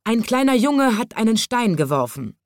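A woman's voice: fairly high pitch, big pitch swings, normal speed, a little mellow, no room sound, studio quality, voice pushed up. A woman voicing a stern old male baboon in a storybook reading, speaking with indignant force.

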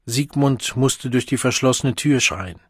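A man reading a novel aloud as audiobook narrator, steady and measured. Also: mid-range voice, slightly rough, no echo, clean studio sound. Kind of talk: scripted narration.

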